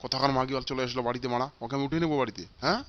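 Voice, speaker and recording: Man doing a stingy old cartoon dad in a rage, rattling off curses at breakneck speed, a steady middle-pitched voice, clear noise hissing under the recording. He hammers the same threats over and over. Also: very fast, dull audio, close to an everyday voice. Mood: angry. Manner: shouting, cursing, repeating threats. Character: foul-mouthed stingy old father, always furious. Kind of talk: comic cartoon voice acting.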